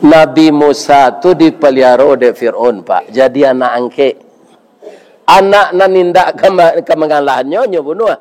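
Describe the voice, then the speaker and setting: A man's voice: a little high, moderate pace, a little mellow. An older man preaching a casual village sermon with a Minangkabau accent, bantering with his listeners and often asking "right?". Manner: folksy, bantering, keeps asking "iya kan?". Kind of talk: village sermon with crowd questions.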